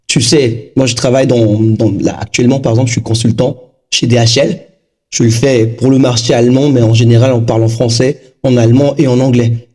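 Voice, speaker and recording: A man in his thirties from Togo, a guest talking casually in an interview, lively and full of fillers. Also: mid-range voice. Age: 30s. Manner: animated, lively storytelling with frequent fillers.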